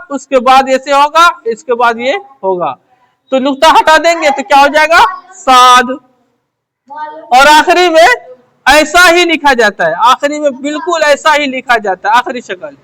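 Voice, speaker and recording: A woman's voice: sits high, a bit bright. A woman teaching the Urdu script, asking short questions and answering them herself while repeating key phrases. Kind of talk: letter-by-letter script lesson.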